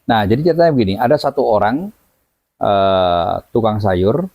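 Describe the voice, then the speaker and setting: A man telling a story as a guest in a lively way, acting out the voices of the people in it. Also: fairly low pitch, moderate pace. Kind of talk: animated storytelling. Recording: dull lo-fi audio.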